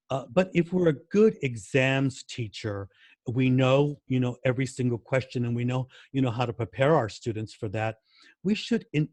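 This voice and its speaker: An American man talks through interview answers in an easy, conversational way. He fills gaps with "uh" and restarts his phrases, and he repeats words to stress a point. His voice sits in a middle pitch and sounds dry and close to the mic. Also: a little mellow, dry recording. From United States. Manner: many fillers and restarts, repeats words for emphasis. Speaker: guest language educator.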